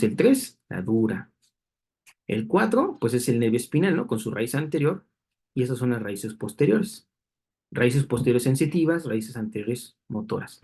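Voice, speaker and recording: Husky male anatomy lecturer. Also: medium pitch, warm tone. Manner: explanatory, checks in with students with tag questions. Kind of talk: classroom lecture walking through diagrams.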